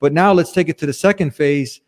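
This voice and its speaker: Male talk host, a touch high-pitched, inquisitive interviewer. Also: a little fast. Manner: inquisitive, prompting questions. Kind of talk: casual interview.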